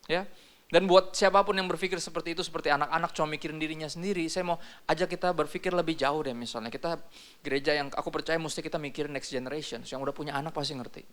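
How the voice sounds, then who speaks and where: A man's voice: a little high, fairly even intonation, quick pace, fairly bright tone. A male pastor, preaching a sermon in a casual, joking, slangy way.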